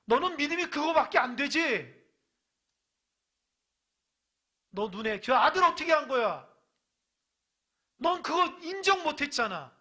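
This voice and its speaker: A man's voice: extremely high pitch, very animated, moderate pace, voice pushed up, heavily acted. A stern scolding God, as a male preacher puts him on. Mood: rebuking. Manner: loud rebuking, taunting questions.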